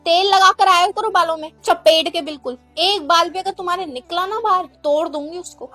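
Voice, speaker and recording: A woman's voice: very high voice, bright, forceful tone, faint music behind. A woman playing a harsh, scolding schoolteacher. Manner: scolding, threatening, rapid-fire questions. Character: harsh strict female schoolteacher scolding pupils. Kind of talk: comedy skit acting.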